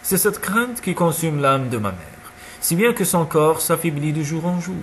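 A man reading an audiobook chapter aloud in a measured, expressive narration. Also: on the high side, a little hiss or hum. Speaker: audiobook reader. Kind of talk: scripted narration.

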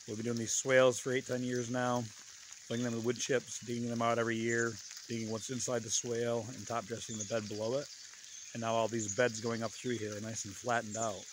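A man in his fifties with a mid-range voice talks a little fast over background noise. He's a permaculture farmer giving a relaxed, rambling, plain-spoken walking tour of his garden on a wooded, terraced hillside, holding his phone at arm's length outdoors.

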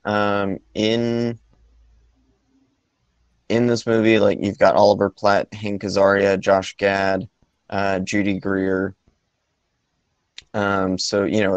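A man chats slowly through a movie podcast, with frequent pauses and restarts. His voice sits very low and has a gravelly fry to it. The recording is dry and close. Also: no room sound, muffled recording. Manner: hesitant, many ums and restarts. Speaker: podcast co-host. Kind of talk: casual movie podcast chat.

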